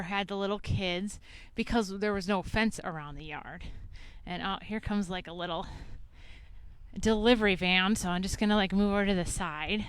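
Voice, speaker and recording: A woman's voice: medium pitch, fairly bright tone, clean tone, no room sound. A woman chatting in a rambling, playful way while she walks outside past a house, filming herself on a handheld camera. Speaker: author vlogger. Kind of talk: casual walking vlog. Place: outdoors by a house in spring. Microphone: handheld camera or phone.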